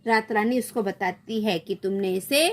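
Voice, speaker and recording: A woman's voice: medium pitch, normal speed. A woman teacher explaining a school text to children, acting out each line and then repeating and explaining it.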